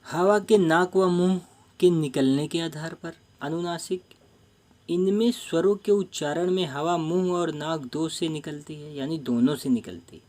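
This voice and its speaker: A man teaching a Hindi grammar lesson for exam preparation, explaining each term slowly, repeating himself and often calling the viewers friends. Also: a little high, darkish tone.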